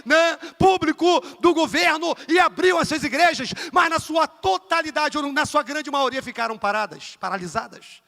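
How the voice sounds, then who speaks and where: High-pitched, bright-voiced man preaching. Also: expressive, moderate pace, vocal fry, few pauses. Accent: Rio de Janeiro Portuguese. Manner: emphatic, swings between loud bursts and low asides; addresses listeners as dear brother, asks for amens. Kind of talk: lively evangelical sermon. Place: church sanctuary. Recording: reverberant church hall.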